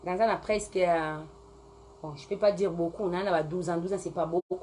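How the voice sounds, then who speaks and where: A woman's voice: fairly low pitch, fairly even intonation, moderate pace, a little mellow, slight background noise. A woman from Congo, ranting angrily on a live video. She repeats herself, drags some words out and punches others hard. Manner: heated, repetitive, stretches some words and hammers out others. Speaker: vlogger. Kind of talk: angry live-video rant.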